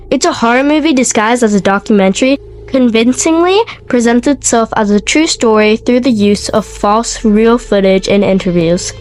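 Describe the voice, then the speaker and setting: She's young, has a cold that leaves her congested, and co-hosts a podcast where she tells a story partly from a script and partly off the cuff. Her pitch is fairly high. The recording sounds rough.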